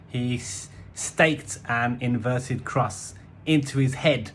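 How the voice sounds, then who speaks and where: A man's voice: mid-range voice, a bit bright, a little hiss or hum. Chatty, rambling man reviewing an album. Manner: chatty, rambling, wry asides; uses musician's terms. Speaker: music reviewer.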